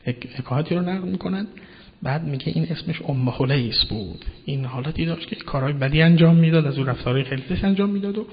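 A male preacher delivers a religious lecture with a fairly high voice, turning emphatic and then dropping to a hush. He keeps asking his listeners rhetorical questions. The recording sounds dull and lo-fi, with long reverb from a large hall. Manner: emphatic, with sudden swings from loud to hushed; addresses listeners directly, asks rhetorical questions.

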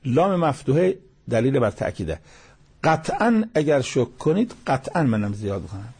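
A man's voice: mid-range voice, very animated, darkish tone, breathy edge. A man giving a religious commentary lesson, explaining each verse and repeating key phrases for emphasis. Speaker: Quran commentator.

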